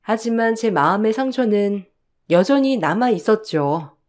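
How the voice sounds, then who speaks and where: Woman softly narrating a story. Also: mid-range voice, expressive, a little slow. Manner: soft, confiding.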